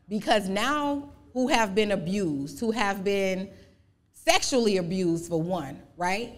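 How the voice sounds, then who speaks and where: A woman in her forties answering audience questions as a podcast guest, speaking earnestly with halting restarts. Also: medium pitch. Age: 40s. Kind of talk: live podcast Q&A, personal testimony.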